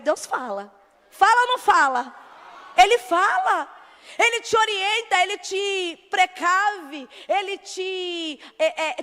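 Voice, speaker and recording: A Brazilian woman missionary preaching a Pentecostal sermon, telling her story and acting out its dialogue with rising fervor. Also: very high-pitched. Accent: Brazilian Portuguese. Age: adult with a teenage son. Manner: storytelling, acts out dialogue, builds to fervent shouting. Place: large church hall. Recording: long hall reverb from the church.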